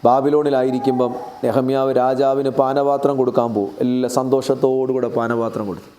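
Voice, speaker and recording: A man's voice: mid-range voice, level tone, a little fast, mellow. A man with a Keralite Malayalam accent preaching a sermon, putting questions to the congregation and retelling Bible stories in a conversational way. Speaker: pastor.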